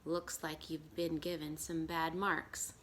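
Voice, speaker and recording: A large, bearded, fatherly maker from a storybook, as a woman reader puts him on, kindly and reassuring. The words come deliberately in a bright voice. Faint noise sits behind it. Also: sits low, flat delivery. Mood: gently musing. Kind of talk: children's storybook read-aloud.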